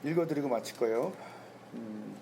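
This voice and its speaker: A man's voice: medium pitch, moderate pace, creaky, dark tone, a little hiss or hum. A male senior pastor preaching a Sunday sermon, firing rhetorical questions and reading scripture aloud. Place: church sanctuary.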